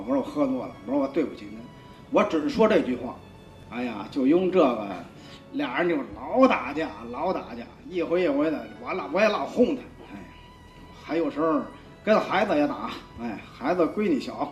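A man, giving a rambling, colloquial spoken testimony full of repeats and restarts. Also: on the high side. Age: 50s. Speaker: church member giving testimony. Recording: roomy, dull sound with faint music.

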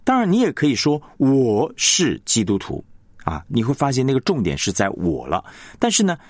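A man teaching broadcast announcing on the radio, explaining patiently, repeating his points and reading example sentences slowly deliberate stress. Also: medium pitch, huge pitch swings, darkish tone, no room sound, clean studio sound. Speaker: broadcasting instructor. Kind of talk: radio lesson on announcing technique.

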